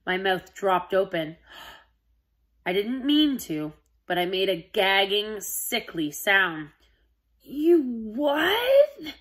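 Bright-voiced woman reading a kids' book. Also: medium pitch, slow, poor audio. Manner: expressive storybook narration. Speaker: audiobook reader. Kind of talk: reading a children's chapter book aloud.

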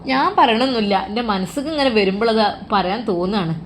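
A loving older mother, full of worry, coaxes her grown son in a Malappuram Malayalam accent, voiced by a woman narrator. She pleads with him softly and tenderly in this spoken story. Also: medium pitch, fast talker, a little hiss or hum, close to an everyday voice. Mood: coaxing. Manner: coaxing and tender, calls him "my dear son".

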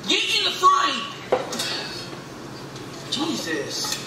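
A woman's voice: sits high, wildly swooping pitch, drawn-out words. A woman, talking around a stick in her mouth, trading brash, crude jokes from inside a car at a drive-thru. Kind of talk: comedic drive-thru food review banter. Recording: echoey, distant mic, noisy.

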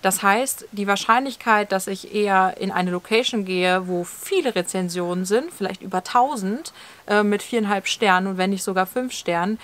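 Woman explaining views in a relaxed garden chat. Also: mid-range voice, normal speed. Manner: fluent, explanatory, steady. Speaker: channel co-host. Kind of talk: casual discussion to camera. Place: outdoors in a leafy garden, evening.

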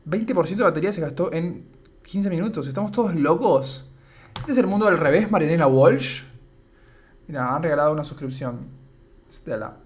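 This young man's voice sits a little high, with lively intonation, a breathy edge, and a normal pace. He has an Argentine Spanish accent and chats loosely during a live stream, reading comments aloud in a somewhat weary voice.

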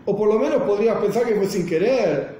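High-voiced rabbi in an echoey room. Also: male voice, fairly quick, warm tone. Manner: explanatory, rhetorical questions, acts out an angry outburst. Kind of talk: Torah lesson. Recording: very echoey room, faint noise.

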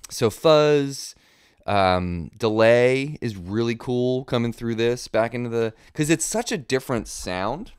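Taking it slowly, a man in his thirties explains guitar gear in an informal, instructional chat, thinking aloud throughout. His mid-range voice is expressive, clear and resonant, captured close on a boom-arm studio mic in a small home studio with no room sound.

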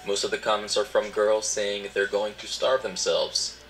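A man's voice: on the low side, little pitch movement, normal speed, a bit bright, soft background music, poor audio. A man narrating a commentary video in a wry, sarcastic storytelling way. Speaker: commentary YouTuber.

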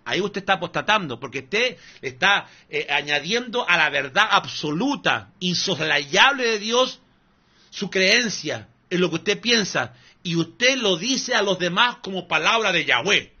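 A man's voice: high voice, animated, measured pace, sharp tone, breathy edge, muffled recording. A male pastor preaching a sermon, scolding and emphatic, repeatedly calling the listener "brother" between his points. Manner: scolding, emphatic, mocking asides, repeats "hermano".

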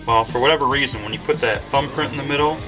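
A man's voice: medium pitch, quick pace, music in the background, low-quality recording. A man in his thirties talking casually to a webcam while cooking in his home kitchen, rambling with lots of ums and swearing freely. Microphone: webcam camera mic.

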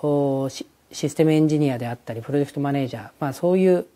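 A man's voice: mid-range voice, rapid-fire, warm tone. A man, a company executive, answering an interview question in a hesitant way, with frequent filler sounds.

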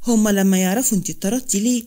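A commanding Upper Egyptian man, blunt and possessive, talking quickly with a soft, mellow tone, as a woman narrator voices him. He comes from a storybook reading and sounds like someone used to getting his way. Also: medium pitch, steady tone, close to an everyday voice. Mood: angry.

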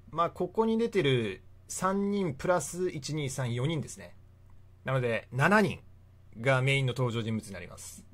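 Man in his young adult years, relaxed and talkative as a history explainer, lively up-and-down delivery. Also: medium pitch. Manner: chatty, laughs often between points. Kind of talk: casual history lecture.

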